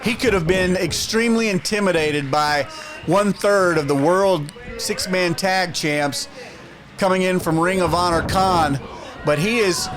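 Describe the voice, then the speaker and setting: A man doing excited, dramatic wrestling commentary as the lead announcer, emphatic and fond of rhetorical questions. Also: high voice, measured pace, music in the background.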